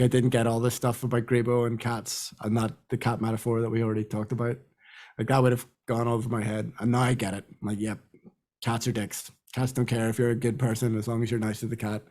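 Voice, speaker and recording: Slightly mellow and mid-pitched, this young man from Britain chats casually as a podcast co-host. He rambles, leaning on plenty of filler words.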